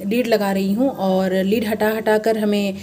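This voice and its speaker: A woman walks viewers through a recipe at her stove in a friendly, chatty way, calling them friend as she explains each step. Her voice is mellow and warm rather than bright. A faint sizzle of frying is heard under her words. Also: mid-range voice, level tone, a little slow, slight background noise. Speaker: cooking channel host. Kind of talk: casual cooking demonstration. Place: home kitchen at the stove. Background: frying and sizzling from the pan.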